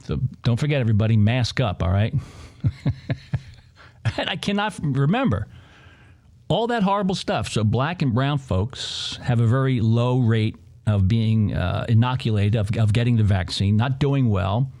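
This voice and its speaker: A man's voice: mid-range voice, expressive, moderate pace, a little mellow. A man hosting a political commentary show, talking in a heated, sarcastic way with mocking asides.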